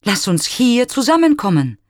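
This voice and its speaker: A man voicing a proud, scornful young male hunter from an ancient myth, calling out loudly in a raised voice. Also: big pitch swings, normal speed. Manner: calling out loudly, high and strained.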